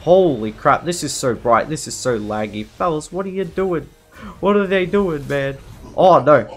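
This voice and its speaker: A man narrating his own gameplay as it happens, in a voice sitting a little higher than most men's. He talks in a frantic, anxious rush and keeps repeating the same words. A faint bed of music plays behind him. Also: moderate pace. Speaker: gaming video creator. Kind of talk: live gameplay commentary.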